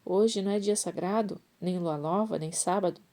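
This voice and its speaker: A woman's voice: lowish voice, normal speed, mellow, natural voice. A woman reading as a puzzled older husband.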